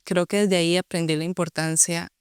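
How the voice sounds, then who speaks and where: Costa Rican woman, smooth clear voice. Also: on the low side, little pitch movement, a little fast, no room sound, clean studio sound. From Costa Rica. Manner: earnest, reflective storytelling. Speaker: interview guest. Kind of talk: personal testimony.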